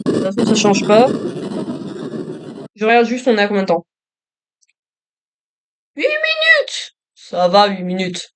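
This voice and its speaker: A man's voice: high voice, fairly even intonation, normal speed, pauses often. A male gamer doing joking commentary on a horror game, talking to himself and to viewers as he plays.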